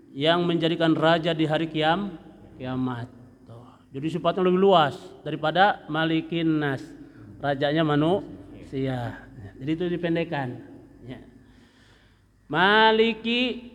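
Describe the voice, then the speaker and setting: A male religious teacher with a Sundanese Indonesian accent leads a mosque lesson, speaking slowly in a fairly high voice. He stretches and chants phrases to show how they should be recited. His voice carries a long echo from the mosque hall. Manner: slow, drawn-out demonstrations of recitation, chanting phrases.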